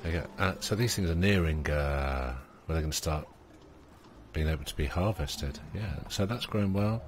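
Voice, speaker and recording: Very deep-voiced man narrating gameplay. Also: normal speed, a little hiss or hum. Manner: thinking aloud, rambling, many fillers, talks to his game characters. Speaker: gaming channel host. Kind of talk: let's play commentary.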